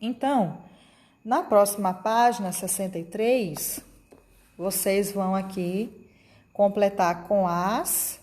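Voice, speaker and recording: A woman's voice: medium pitch, takes it slowly, a little mellow. Patient woman teaching children. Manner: patient, explanatory, checks in with "tá?" and "ok?". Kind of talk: remote class lesson for children.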